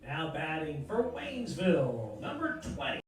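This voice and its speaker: Man booming over a ballpark loudspeaker. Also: huge pitch swings. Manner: slow, drawn-out calling of names and numbers. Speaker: ballpark public address announcer. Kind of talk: formal batter announcements. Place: outdoor baseball field. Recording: echoey, distant loudspeaker across a ballfield.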